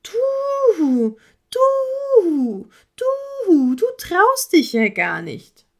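A woman voicing a teasing male owl in a children's storybook, with a high, hooting stutter on repeated syllables. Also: huge pitch swings, very slow, heavily acted. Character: mocking, teasing male owl perched in a tree.

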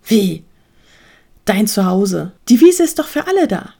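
Woman doing a mild friendly sheep guy from a storybook, lively voice. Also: medium pitch, measured pace, gravelly, husky, exaggerated voice. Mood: calm. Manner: mild, puzzled, reasonable.

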